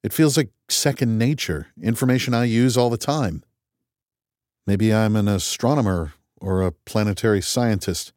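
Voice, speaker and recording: A man narrating an audiobook in the first person, measured and wry, as if thinking aloud. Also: on the low side, a little mellow, no room sound, studio quality.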